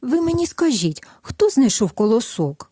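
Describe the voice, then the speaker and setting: A woman's voice: on the high side, big pitch swings, moderate pace, dark tone, breathy edge, no room sound, studio quality, voice pushed up. A woman voicing a busy, hardworking little male rooster in a storybook tale, calling out and questioning patiently.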